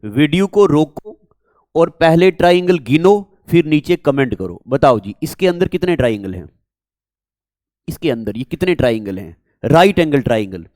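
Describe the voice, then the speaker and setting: A man from Jammu and Kashmir, India, with a Kashmiri accent teaches a classroom maths lecture, repeatedly quizzing and coaxing his viewers. His fairly high, darkish voice is expressive at a moderate pace, with no echo.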